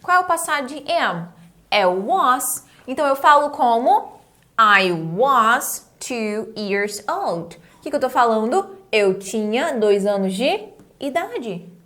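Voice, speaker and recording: A Brazilian woman teaches an online English grammar lesson in a slightly high voice. She explains patiently, asks questions and answers them herself. She says the English example words slowly and clearly. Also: sing-song, fairly bright tone. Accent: Brazilian Portuguese.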